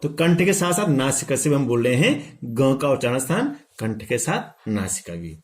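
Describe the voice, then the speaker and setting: A man teaching a pronunciation lesson to students, saying each sound slowly and repeating it for them to echo. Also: mid-range voice, sing-song. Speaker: Hindi teacher. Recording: echoey room.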